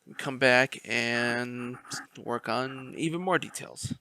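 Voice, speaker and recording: A man's voice: mid-range voice, slow pace, pushed and bright. A man casually narrating a miniature painting tutorial, rambling a little with fillers and restarts. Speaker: miniature painting hobbyist host.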